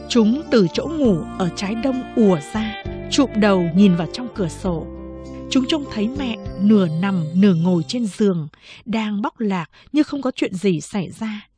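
A woman reads a story aloud slowly and steadily, with a husky, breathy voice. The sound is close and dry, with no room around it. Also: medium pitch, dry recording. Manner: even, measured storytelling. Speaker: narrator. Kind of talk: audiobook narration.

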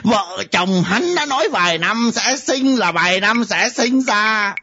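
A woman's voice: medium pitch, animated, a little slow, slightly rough, heavily acted. A woman playing the ghost of a dead father, scolding his wife and wailing, with a put-on Northern Vietnamese accent. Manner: wailing, scolding, crying outbursts. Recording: muffled lo-fi with loud music.

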